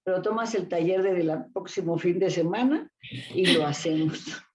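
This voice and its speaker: This older therapist with a Mexican Spanish accent rambles through career tales as a casual interview guest, frequently using fillers and restarting. She speaks on the low side at a moderate pace, her voice a little mellow, with slight background noise behind her.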